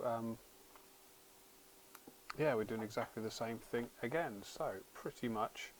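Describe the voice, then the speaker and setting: A man's voice: lowish voice, a little hiss or hum, low-quality recording. Rambling man hosting a game stream. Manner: rambling, chatty, often restarts and trails off. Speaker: livestream host. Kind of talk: casual livestream chat while playing a game.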